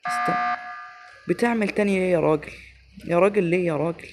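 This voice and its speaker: A man with an Egyptian Arabic accent giving excitable live commentary as he plays a game, talking straight to his viewers. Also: sits high, fast, very noisy. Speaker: gaming channel host.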